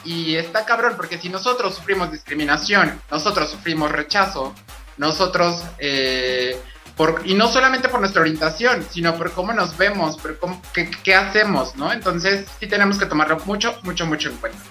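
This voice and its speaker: A Mexican man whose voice sits high for a man and sounds very bright and tense. He talks earnestly in a casual panel chat and repeats words while he looks for what to say. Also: lively intonation, moderate pace, soft background music. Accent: Mexican Spanish. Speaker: podcast guest.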